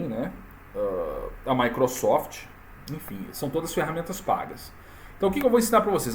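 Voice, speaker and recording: A man walking viewers through a software tutorial in a casual, chatty way, full of fillers and tag questions. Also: mid-range voice, a little hiss or hum. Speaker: tutorial presenter. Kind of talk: casual screen-recorded tutorial.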